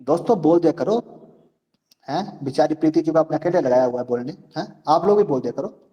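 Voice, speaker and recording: A man's voice: fairly high pitch, fairly quick, warm tone, highs cut off. A male teacher giving an online class, explaining with rhetorical questions and often checking that students follow. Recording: echoey room.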